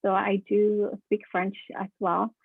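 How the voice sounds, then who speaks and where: Her voice is gravelly and husky, medium in pitch, level in tone, and slow. She is a Californian marketing consultant giving chatty, casual answers to podcast questions and repeating words to stress them, heard through dry, tinny, phone-like call audio.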